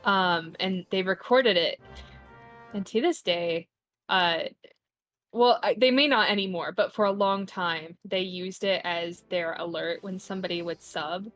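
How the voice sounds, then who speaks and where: A woman's voice: lowish voice, measured pace, a bit bright, no room sound, faint music behind. A woman chatting casually with a friend while playing a game on stream, rambling and telling stories. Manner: chatty, rambling with fillers and restarts. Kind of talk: casual chat while gaming.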